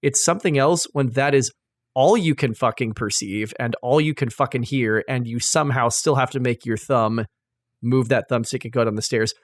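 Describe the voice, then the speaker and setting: A man's voice: medium pitch, normal speed, no echo, studio quality. A man co-hosting a gaming podcast who tells a long anecdote with lots of fillers and free swearing. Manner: rambling storyteller, swears freely, many fillers. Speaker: podcast co-host. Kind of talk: casual gaming podcast chat.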